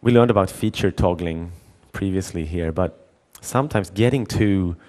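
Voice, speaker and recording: A deep, slightly mellow voice at a normal speed belongs to a middle-aged conference speaker. He relates a story, performing its dialogue, with many restarts and repeated words along the way.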